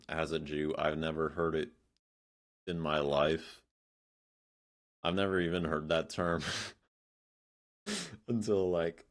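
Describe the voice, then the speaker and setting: A man giving blunt, sarcastic reaction commentary, swearing freely and scattering fillers as he talks. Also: deep voice. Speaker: commentary streamer.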